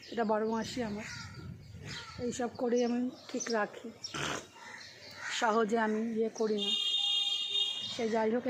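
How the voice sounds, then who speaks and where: A somewhat high-pitched woman in her forties talks in a chatty, rambling way, her voice a little hoarse from strain. She is outdoors in a garden, and the recording carries clear background noise with birds and crows calling. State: slightly hoarse voice. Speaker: vlogger. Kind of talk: casual garden vlog chat.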